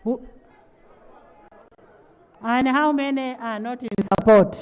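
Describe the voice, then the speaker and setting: A Ugandan-accented speaker of parliament chairs a debate formally. The voice is smooth and resonant, moving slowly and with deliberate authority. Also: medium pitch, a faint crowd, low-quality recording. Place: large parliament chamber.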